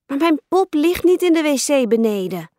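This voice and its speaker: A woman's voice: high voice, very animated, normal speed, mellow, no echo, studio quality, pitched above the performer's own voice. A woman voicing a pushy, whiny little girl who pesters her older sister. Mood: pleading. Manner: whiny, pleading.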